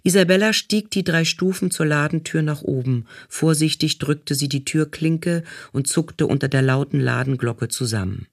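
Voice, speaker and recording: A man reading a novel aloud in calm, even scripted narration. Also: fairly high pitch, moderate pace, creaky, few pauses, no echo, studio quality. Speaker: audiobook reader.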